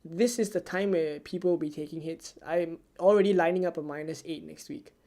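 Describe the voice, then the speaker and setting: Speaking a little fast, this Singaporean fantasy football streamer responds to viewers' questions on a live stream in a soft, low-key manner that feels almost like ASMR.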